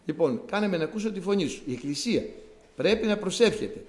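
A man's voice: high voice, animated, a little mellow, roomy sound. A man preaching a sermon to his congregation, explaining scripture conversationally and repeating key words for emphasis.

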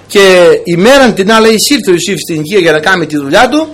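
A man's voice: high voice, animated, a bit bright. A man preaching a sermon, telling stories and speaking directly to his congregation with emphasis. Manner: emphatic, storytelling delivery with a direct address to the congregation.

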